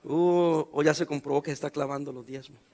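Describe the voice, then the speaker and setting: A middle-aged pastor preaching a sermon in a joking, sarcastic, colloquial manner. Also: male voice, on the high side, fairly even intonation, a little fast, noisy background.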